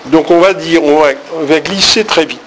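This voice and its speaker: A man's voice: fairly high pitch, moderate pace, a bit bright, a little hiss or hum, poor audio. A man teaching a diction lesson in French, explaining where to place stress and acting out lines with strong emphasis to show it. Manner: demonstrates stress by reading lines with heavy emphasis. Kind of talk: diction and text-reading lesson.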